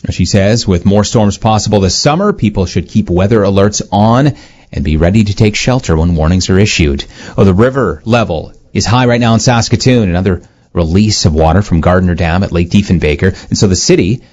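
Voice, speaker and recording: Man reading news on a tinny clock radio. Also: sits low. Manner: brisk, lively headline delivery. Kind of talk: newscast reading. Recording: lo-fi, dull radio broadcast sound.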